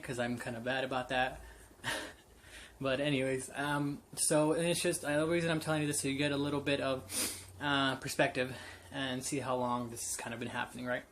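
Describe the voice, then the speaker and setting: Speaking unscripted to camera, a man in his late twenties shares a personal story with candor, often restarting and using many fillers. His voice is medium-pitched and fairly bright, against slight background noise.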